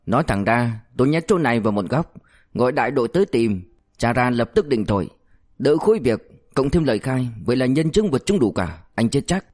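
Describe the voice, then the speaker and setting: A man's voice: mid-range voice, very animated, fairly quick, darkish tone. A man voicing a cynical male cop who threatens and mocks a suspect. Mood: threatening. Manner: mocking, threatening, crude. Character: cynical, bullying male cop, sly and menacing.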